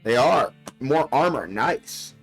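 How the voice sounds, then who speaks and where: A man's voice: medium pitch, moderate pace, faint music behind. A man doing a casual let's play, reading game text aloud with muttered, dryly understated asides. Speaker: video game player and commentator.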